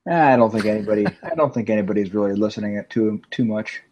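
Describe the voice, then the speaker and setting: A man's voice: lowish voice, fast, a little mellow, a little hiss or hum. A man co-hosting a live podcast in casual chat, talking in an offhand way over a muffled, dropping online call. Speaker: podcast co-host.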